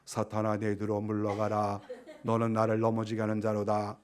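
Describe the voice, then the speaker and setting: A man voicing a stern male teacher who rebukes a disciple, speaking deeply and gravely and at times bursting into angry shouts. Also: lightly acted. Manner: deep, slow and grave, flaring into angry shouts.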